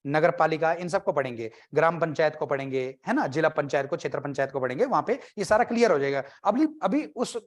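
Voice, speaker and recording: A man's voice: fairly high pitch, lively intonation, fast, few pauses. A man teaching an exam-prep class, talking conversationally, quizzing his students and cracking jokes.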